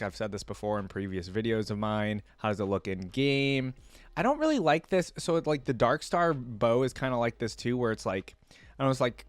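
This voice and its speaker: Recorded dry, this reaction video creator has a mid-range voice. His commentary is relaxed and slangy, as if he's working through his thoughts out loud.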